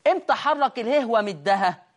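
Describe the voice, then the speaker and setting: A woman's voice: on the high side, expressive, fairly quick. A woman with an Egyptian accent teaching tajweed on screen, explaining step by step and asking and answering her own questions. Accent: Egyptian Arabic. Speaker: Quran recitation teacher. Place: studio lesson with a control room.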